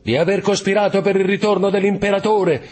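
A man's voice: high-pitched, steady tone, a little fast, darkish tone, faint music behind, pitched above the performer's own voice. A man voicing a desperate young sailor prisoner. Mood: earnest. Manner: raised, urgent and imploring.

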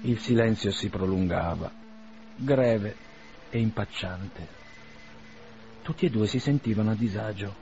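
Guy reading an audiobook, steady measured delivery, dull lo-fi sound. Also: on the low side. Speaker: audiobook narrator.

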